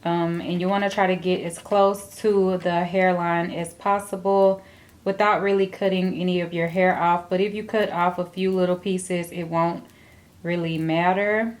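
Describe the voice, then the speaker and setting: A woman hair vlogger talking viewers through a wig tutorial in a chatty, relaxed way. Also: fairly low pitch, moderate pace. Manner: chatty, relaxed, addresses viewers as dolls and guys. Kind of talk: casual tutorial talk to camera. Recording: roomy echo.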